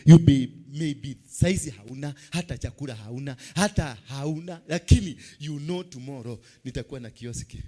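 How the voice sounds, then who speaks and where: A Kenyan-accented man preaches in the manner of a TV evangelist. His voice sits at a middle pitch. He stresses and repeats his key phrases, moving freely between languages. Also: moderate pace, hardly any pauses, dark tone. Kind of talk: church sermon in TV preacher manner.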